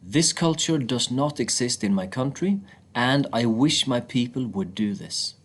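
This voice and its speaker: A man reading first-person passages aloud from a book in a steady, plain manner. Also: medium pitch, measured pace.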